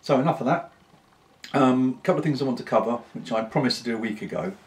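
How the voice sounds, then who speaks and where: A British man talks casually to his viewers as a hobby vlogger. His delivery is unhurried and rambling, with pauses between short phrases, at a middling pitch. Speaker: pipe-smoking vlogger. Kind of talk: casual unscripted chat to camera.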